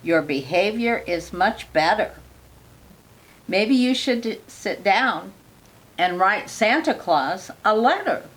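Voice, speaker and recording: A small Christmas elf, stern yet kind, lays down the rules in a storybook tale, as a grandmother reads him aloud. He speaks slowly and patiently, like a gentle teacher. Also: mid-range voice, lively intonation, low-quality recording. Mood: encouraging. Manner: gently instructive, storybook reading. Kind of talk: storybook reading.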